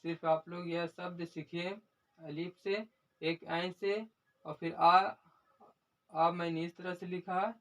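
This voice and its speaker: A man gives a lesson at a very unhurried pace, his voice sitting fairly high for a man. He repeats each point and keeps turning to the viewers as friends. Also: level tone, a bit bright, low-quality recording. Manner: slow and repetitive, addresses viewers as friends. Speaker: language teacher. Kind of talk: unscripted lesson walkthrough.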